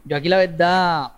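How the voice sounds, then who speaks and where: A man's voice: sits high, fairly bright tone, a little hiss or hum. A man with a coastal Colombian accent chatting casually in an interview, blunt, slangy and foul-mouthed. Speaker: social media content creator being interviewed.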